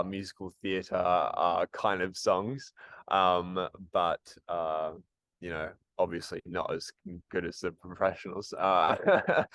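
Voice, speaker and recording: Deep-voiced and fairly bright in tone, this man is an actor and musician answering interview questions about his work. He speaks casually and hesitantly, full of ums and restarts, with no echo on the recording.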